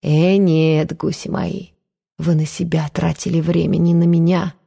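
Shrewd old village aunt, blunt and mocking, low voice, read by a woman narrator. Audiobook. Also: little pitch movement, measured pace, vocal fry, mellow, husky, exaggerated voice. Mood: stubborn.

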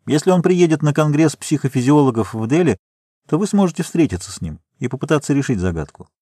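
A man reading aloud, voicing a calm, learned middle-aged geologist who explains things in a measured way. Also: fairly high pitch, dry recording, studio quality, voice pushed up.

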